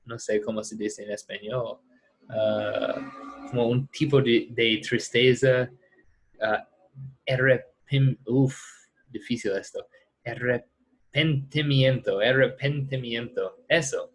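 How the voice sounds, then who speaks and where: A man from the United States, a native English speaker teaching a class discussion in American-accented Spanish, halting as he searches for words. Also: medium pitch, fairly even intonation, slightly rough, poor audio. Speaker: ethics teacher. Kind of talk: lecture discussion with students.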